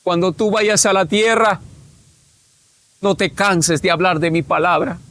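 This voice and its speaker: A man doing a grave, deep voice of God. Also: a bit bright. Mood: solemn. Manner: slow, grave, commanding. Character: God, solemn commanding male divine voice.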